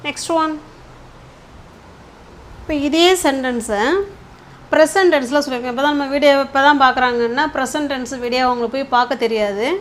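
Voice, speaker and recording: A woman's voice: sits high, slight background noise. A woman, teaching English grammar in a patient lesson style. She often checks in with "okay?" and stretches words out while writing.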